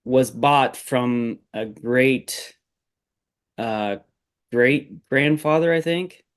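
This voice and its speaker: A man in his forties, a farmer guest on a podcast, talking in a relaxed, rambling way with many fillers. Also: mid-range voice, very slow, clear, resonant tone. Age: 40s. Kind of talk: casual interview chat.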